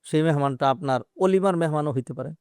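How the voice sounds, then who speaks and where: A man, an Islamic scholar answering questions in a measured, explaining way with hesitant fillers. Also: a little high, a little mellow, clear, resonant tone, no room sound, studio quality. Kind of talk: religious Q&A interview.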